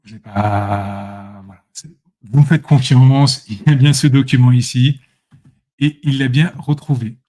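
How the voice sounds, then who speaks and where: A man's voice: mid-range voice, fairly even intonation, unhurried, warm tone. Male presenter, casual screen-share tutorial, chatty and self-correcting, addresses viewers directly. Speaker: presenter demonstrating software.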